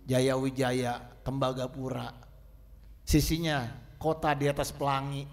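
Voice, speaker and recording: A man preaching a Friday sermon in rhythmic, rhyming lines that swing from loud to soft. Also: mid-range voice. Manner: rhythmic rhyming oratory with sharp swings in loudness. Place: mosque hall. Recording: echoey mosque hall sound.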